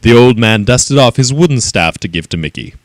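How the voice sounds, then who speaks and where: A man reading a children's story aloud in an expressive, animated way. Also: mid-range voice, brisk, dry recording.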